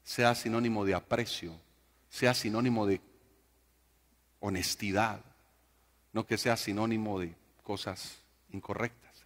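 Joking preacher in a big hall. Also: male voice, on the low side, fairly even intonation, unhurried, pauses often, fairly bright tone. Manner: storytelling, joking with the congregation. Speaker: pastor. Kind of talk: sermon.

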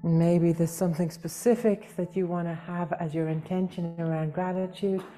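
A yoga teacher guides a meditation, her fairly low, fairly even voice gentle, soothing and unhurried, with long pauses. Faint music plays in the background.

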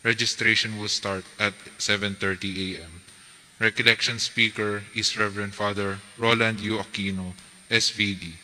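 A man reading prayers and parish announcements at Mass in a measured, steady voice, recorded at a lectern microphone in a large church. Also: lowish voice. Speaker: lector and commentator at Mass. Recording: church hall reverb.

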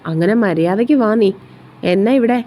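A woman's voice: medium pitch, normal speed, warm tone, natural voice. A woman voicing a teasing young man who bosses his girlfriend around playfully. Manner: teasing, bossy.

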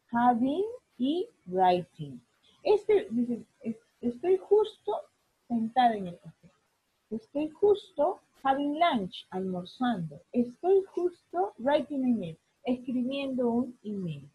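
A woman's voice: sits high, very animated, slow pace, husky, no room sound, phone-quality sound. A woman English teacher giving an online class on a video call, explaining patiently and drawing out her examples.

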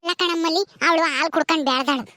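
A woman playing an older village woman, gently coaxing a crying child and chiding its mother. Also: extremely high pitch, fairly even intonation, rapid-fire, slight background noise. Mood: reproachful. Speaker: actor in a village drama. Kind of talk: village skit acting.

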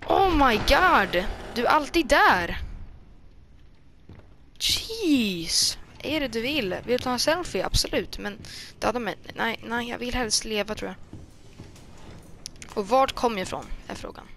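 A woman's voice: a little high, animated, a bit bright, a little hiss or hum. A woman hosting a gaming channel, giving casual let's play commentary while jumpy and easily scared, talking to the game characters as she plays.

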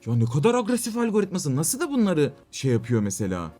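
A young man rants on a casual live stream, his voice a little higher than most men's. He talks very fast, jumping between loud outbursts and low mutters. Faint music plays behind him. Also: wildly swooping pitch.

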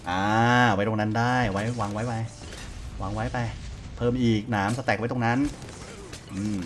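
A man's voice: fairly low pitch, steady tone, moderate pace, a little hiss or hum. A man giving casual let's-play commentary, chatty and thinking aloud as he plays. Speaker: gaming YouTuber.

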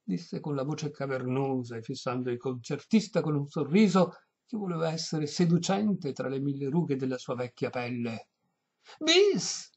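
A man reading a comic short story aloud in an expressive storytelling voice. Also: medium pitch, normal speed, slightly rough. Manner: expressive, animated narration. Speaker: audiobook reader. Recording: dull lo-fi recording.

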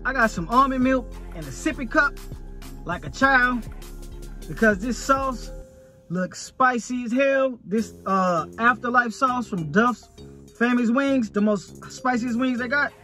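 A man in his thirties with a high, bright voice talks casually to his phone camera. He uses plenty of slang and curses, sitting inside a parked truck. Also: a little slow, soft background music. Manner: slangy, swearing freely. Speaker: food challenge vlogger.

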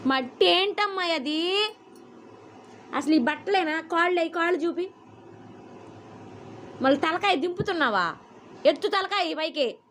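A young mother with a high voice scolds her small child in a casual home video. She presses the child with the same questions and orders again and again. A faint hiss sits under her voice. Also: fairly bright tone. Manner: stern scolding with repeated questions and commands.

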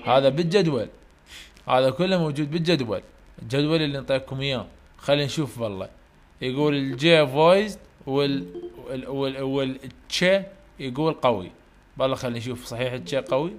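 This online lecture comes from a male university English teacher from Iraq whose accent is Iraqi Arabic and whose pitch sits in the middle. Explanations are given in Arabic, while English questions are read out slowly and with care. He puts questions to the students and supplies the answers on his own.

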